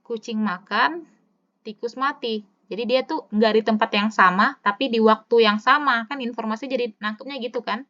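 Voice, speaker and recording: A woman teacher giving a recorded lesson, slowing down to read example sentences aloud and adding casual, chatty asides. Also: a little high, sharp tone. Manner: stretches words slowly when demonstrating intonation. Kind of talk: recorded online lecture. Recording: slightly dull lo-fi audio.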